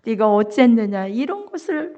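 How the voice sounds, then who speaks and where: A woman's voice: on the high side, very animated, moderate pace, mellow, highs cut off. A middle-aged woman pastor preaching a sermon and acting out a father's words with feeling. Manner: acts out the father's words with emotion.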